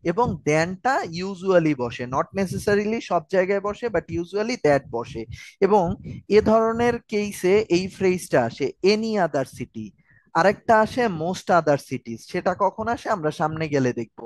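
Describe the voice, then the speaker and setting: A man's voice: high-pitched, animated, unhurried, no echo, low-quality recording. A man giving an online grammar lecture, explaining step by step and answering viewer questions. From Bangladesh. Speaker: grammar tutor.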